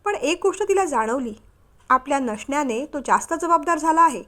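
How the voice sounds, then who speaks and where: A woman narrating a family story aloud in a steady, emotive reading. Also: high voice, moderate pace.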